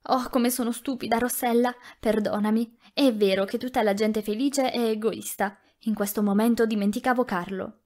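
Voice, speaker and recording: A woman reading an audiobook, voicing a gentle, tactful young woman who speaks softly and a little breathlessly. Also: on the high side, fairly even intonation, moderate pace, natural voice. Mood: remorseful. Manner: soft, eager, slightly breathless. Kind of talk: audiobook character voice.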